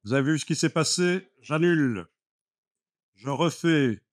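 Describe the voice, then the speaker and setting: A man's voice: fairly high pitch, animated, a little slow, no room sound, clean studio sound. A man teaching a live Photoshop class, explaining steps patiently with many fillers like "euh" and "voilà". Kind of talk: live classroom software lesson.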